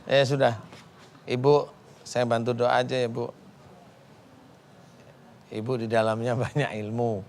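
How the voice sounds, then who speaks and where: A male ustad speaks in a level, even tone with hardly any melody. He counsels briefly, then recites long Arabic prayers at a measured pace. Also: mid-range voice, slight background noise.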